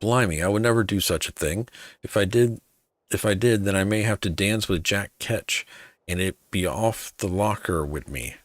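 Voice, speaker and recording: A man voicing a gruff, wily old pirate sailor in archaic seafaring dialect for a video game quest. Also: lowish voice, normal speed, dry recording, close to an everyday voice.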